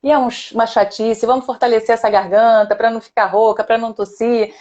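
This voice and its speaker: This middle-aged speech therapist hosts a chatty online live session, talking fast in a slightly high voice with little pitch movement, and the highs are cut off. Warm and enthusiastic, she keeps adding a questioning "né?"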